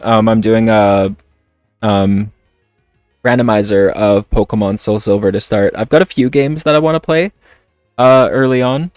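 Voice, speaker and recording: A man with a fairly low voice chats casually as he streams a game. He speaks slowly and haltingly, feeling his way through sentences. Music plays behind him. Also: darkish tone, clear, resonant tone, dry recording, clean studio sound. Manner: hesitant, halting. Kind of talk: casual livestream chat over gameplay.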